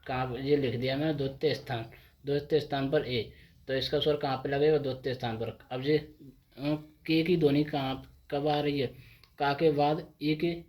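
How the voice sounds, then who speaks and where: A man teaching a shorthand class, explaining each step slowly and answering his own questions as he writes. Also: medium pitch, a little mellow. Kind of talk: board lesson explaining step by step.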